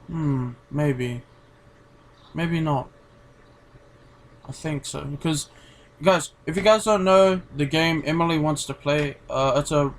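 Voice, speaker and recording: Male reaction host, rambling casual chat, ordinary pitch. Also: a bit bright, a little hiss or hum. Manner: rambling, filler-heavy, laid-back. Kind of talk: casual commentary.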